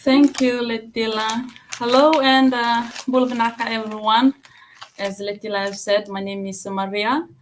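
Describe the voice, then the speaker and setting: A woman's voice: a little high, steady tone, measured pace, slight background noise. A woman from Fiji speaking on a live stream from her home, talking hesitantly with many fillers and restarts.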